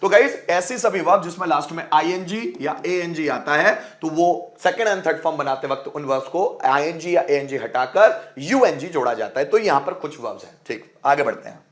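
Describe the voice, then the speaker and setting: A man's voice: fairly high pitch, lively intonation, moderate pace, hardly any pauses. A man teaching English grammar rules in Hindi, often repeating words aloud and putting questions to his viewers.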